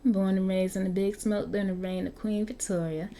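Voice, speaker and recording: A woman's voice: medium pitch, fairly even intonation, brisk, mellow, close to an everyday voice. A woman with a Southern US accent voicing a cocky, slangy vampire who has been stuck looking nineteen for over a century, while reading an interactive story aloud. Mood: flippant. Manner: chatty, flippant, slangy. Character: cocky young-looking vampire, century-old street kid.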